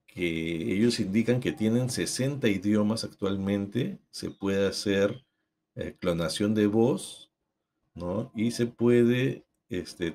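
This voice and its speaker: Calm male tutorial narrator, lowish voice. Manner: calm, explanatory. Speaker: tutorial host.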